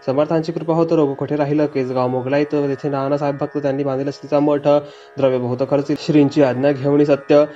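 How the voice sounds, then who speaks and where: A man reading a devotional scripture aloud in a steady, sing-song way, as a recitation. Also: fairly high pitch, fast talker. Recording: dull lo-fi recording with faint music.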